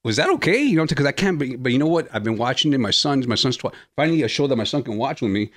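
A man's voice: mid-range voice, quick pace, a bit bright, no room sound, studio quality. A man in his fifties, an actor talking casually in an interview, full of laid-back slang and "you know". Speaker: actor guest.

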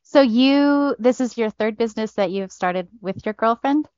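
A woman's voice: on the high side, moderate pace, a little mellow, no echo. A woman hosts an interview show, reading her guest's introduction and then asking questions. Her voice is close and dry with no room sound. The audio is slightly muffled. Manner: reads a prepared intro, laughs easily. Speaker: podcast host. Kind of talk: interview hosting.

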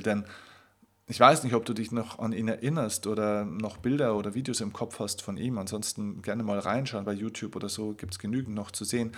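Heiserer Mann, eindringlicher Monolog. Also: male voice, fairly low pitch. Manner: emphatic, slows down to stress key words; addresses the listener directly. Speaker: podcast host. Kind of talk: motivational monologue.

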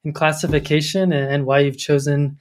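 A man's voice: a little high, steady tone, brisk. Chatty male podcast host. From Colorado. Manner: chatty, many fillers and restarts. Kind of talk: casual interview.

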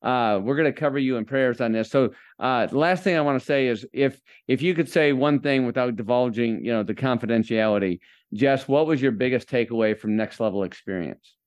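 A man's voice: mid-range voice, a little fast. A man hosting a faith-based podcast interview, enthusiastic and preacher-like as he encourages his listeners. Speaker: podcast host.

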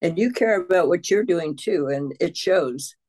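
A woman's voice: on the low side, expressive, moderate pace, darkish tone, rough recording. Affectionate mother encouraging her son. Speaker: guest, a guest's mother. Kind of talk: casual podcast interview.

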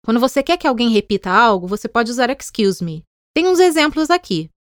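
A woman's voice: a little high, lively intonation, a little fast, dry recording, clean studio sound. A woman with a Brazilian Portuguese accent hosting a scripted educational podcast, explaining in a friendly, playfully teasing way. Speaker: podcast host and English teacher.

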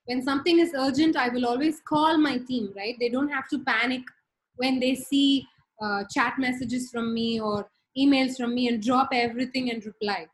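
Speaking at a moderate pace with fairly even intonation, this high-voiced guest chats informally in an interview over a remote call, pausing to think and using plenty of fillers. She is a middle-aged Indian woman with an Indian accent and Tamil as her first language, and the recording quality is low.

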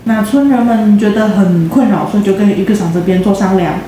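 Woman, storyteller, mellow tone, relaxed with fillers, very echoey room. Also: mid-range voice, moderate pace, slight background noise. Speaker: co-host explaining a folk tale. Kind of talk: storytelling explanation.

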